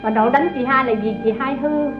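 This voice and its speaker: A woman's voice: sits high, a little fast, natural voice. A meek, long-suffering young mother, played by a woman. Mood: tender. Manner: meek and pleading, tender with the child. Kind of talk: radio drama acting. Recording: tinny, phone-like old recording with music.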